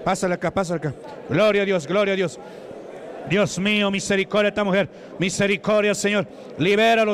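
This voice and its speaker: A man from Peru with a Peruvian Spanish accent, preaching at a church deliverance service, shouting commands and chanting repeated praises. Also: sits high.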